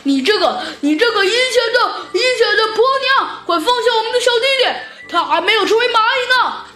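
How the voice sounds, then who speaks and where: A woman's voice: very high-pitched, lively intonation, brisk, sharp tone, voice pushed up, heavily acted. A woman voicing an angry little male worker ant in a children's audio story, indignant and stammering. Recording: echoey room with music.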